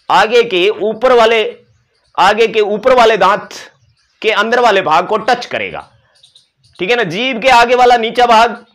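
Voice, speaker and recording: A man's voice: very high voice, fairly bright tone. A male teacher giving an exam-prep lecture, explaining and demonstrating sounds with playful asides to his students. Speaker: Sanskrit teacher.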